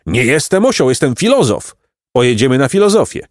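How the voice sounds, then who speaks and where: A man's voice: mid-range voice, sing-song, fairly quick, no echo, clean studio sound, pitched above the performer's own voice, lightly acted. A man voicing a pompous, stubborn male donkey who fancies himself a philosopher, in a lofty, ponderous storybook manner. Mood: indignant. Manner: lofty, ponderous, self-important. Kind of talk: audiobook reading of a children's tale.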